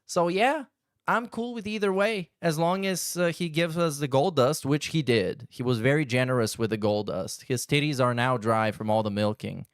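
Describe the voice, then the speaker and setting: A man's voice: mid-range voice, normal speed, clean tone, no room sound, studio quality. A man giving casual reaction commentary in a crude, slangy, sardonic way as a podcast host.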